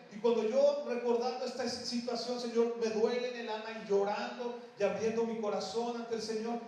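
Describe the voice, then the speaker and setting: Middle-aged Mexican pastor, high voice, preaching in a very reverberant hall far from the mic; chatty delivery, acts out quotes. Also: male voice, a little mellow, slight background noise. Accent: Mexican Spanish. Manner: conversational, acts out quoted voices, rhetorical questions. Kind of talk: sermon. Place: church hall.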